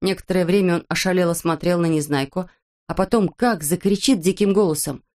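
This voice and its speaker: A woman narrating a children's storybook in an even storytelling manner. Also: on the low side, a little fast. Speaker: audiobook narrator.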